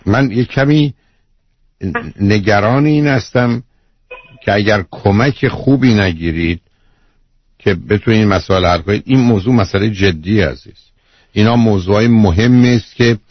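A man's voice: on the low side, slightly rough, no echo. A man hosting a call-in advice show as a psychologist, talking bluntly and lecturing the caller. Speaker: radio psychologist host. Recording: dull lo-fi radio audio.

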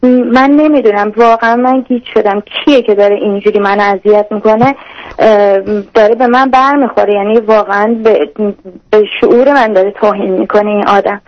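A woman calling a radio advice show, talking in a halting, hesitant, apologetic way. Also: medium pitch, steady tone, lo-fi sound. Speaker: radio caller seeking advice. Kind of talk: call-in phone conversation.

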